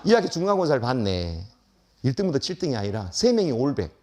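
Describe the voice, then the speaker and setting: A man's voice: mid-range voice, big pitch swings, fast talker, darkish tone. A man in his sixties, a veteran educator, giving a lecture to an audience. He tells stories animatedly, acts out the dialogue and chuckles often. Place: lecture hall.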